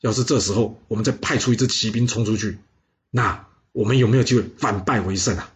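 A man voicing a cold, scheming court minister who speaks in a low, hushed, conspiratorial voice. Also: quick pace, lightly acted.

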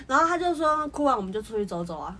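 High, lively woman chatting. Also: racing, slight background noise. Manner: animated, laughs often while storytelling. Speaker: podcast co-host. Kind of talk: casual chat.

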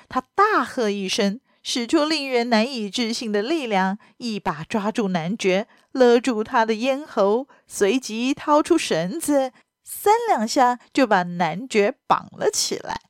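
A woman narrating a serialized detective story in animated storytelling. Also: on the high side, no room sound, clean studio sound.

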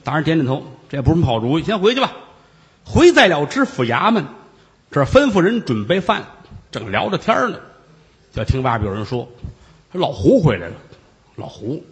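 A man telling a traditional comic story in storyteller style, animated and switching voices for the characters. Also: on the high side, brisk, husky.

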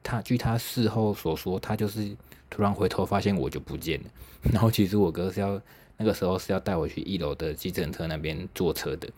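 Low-voiced Taiwanese young man telling stories. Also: fairly quick, a little mellow, slightly rough. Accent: Taiwanese Mandarin. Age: young adult. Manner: chatty, self-mocking, laughs, mild swearing. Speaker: podcast host. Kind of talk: casual solo storytelling.

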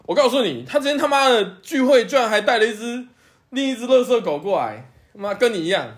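Brief: high-pitched Taiwanese Mandarin male co-host, crude storyteller, laughs a lot, swears freely. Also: animated, fast talker. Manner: laughs often, swears freely, acts out quotes. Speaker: podcast co-host. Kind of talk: casual crude banter.

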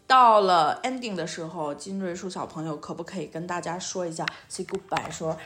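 A woman's voice: fairly low pitch, moderate pace, noisy background. A woman hosting a casual interview with a young child as a language teacher, prompting with short questions and repetition and dropping in foreign words. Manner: drops foreign words into sentences.

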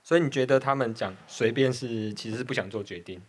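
A man's voice: medium pitch, fast talker. A man with a Taiwanese Mandarin accent co-hosting a podcast, chatting in a jokey way as he complains and asks questions. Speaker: podcast co-host. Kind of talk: casual comedic chat.

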